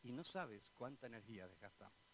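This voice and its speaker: A man with an Andalusian Spanish accent, a pastor preaching a sermon in church, swinging between loud bursts and quiet asides and asking the congregation direct questions. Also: medium pitch, animated, brisk, a little hiss or hum, poor audio. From Spain.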